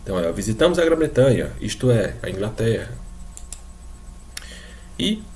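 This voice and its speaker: A man's voice: medium pitch, vocal fry, dark tone, slight background noise. A man from Brazil teaching a recorded class, explaining patiently and repeating examples for his students. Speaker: Spanish teacher. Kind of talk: recorded online class lecture.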